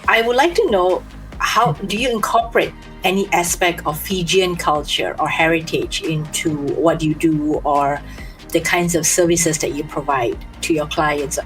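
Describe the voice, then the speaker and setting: A woman hosts the conversation and asks her guest friendly, open questions, checking in with a quick "right?". Her voice is a bit lower than most, with light music faintly behind her. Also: low-quality recording. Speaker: interviewer, host. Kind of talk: interview conversation.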